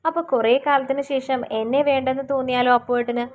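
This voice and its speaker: A shy young girl in love speaks earnestly, close to tears, as a woman reading the story voices her. The voice is soft and slightly high, in a storybook romance. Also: level tone, quick pace, lightly acted.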